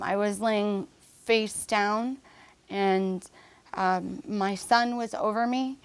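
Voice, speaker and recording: Earnest woman telling her story, halting. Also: mid-range voice, clean tone. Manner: halting, with restarts and fillers. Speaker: interview guest. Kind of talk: personal story in a podcast interview.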